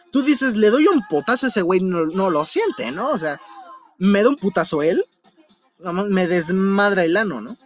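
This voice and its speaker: A young man with a Mexico City accent casually telling a personal story, full of slang and frequent laughter. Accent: Mexico City Spanish. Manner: animated, slangy, laughs often, jumps to falsetto in retellings. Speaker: vlogger. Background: faint music.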